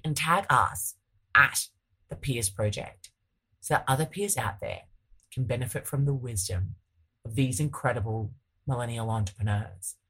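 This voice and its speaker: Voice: mid-range voice, pushed and bright, rough recording. A podcast host reading a scripted, promotional show intro with emphatic delivery.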